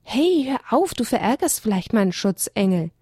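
An earnest, trusting young male animal from a children's story, as a woman reader puts him on. He speaks softly, a little high, with a husky, gravelly grain. The recording is dry and close. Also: big pitch swings, normal speed, no room sound. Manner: earnest, soft-spoken.

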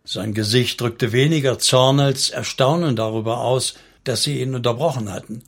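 A man narrating an audiobook in a calm, steady way. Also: mid-range voice, normal speed. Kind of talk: audiobook reading.

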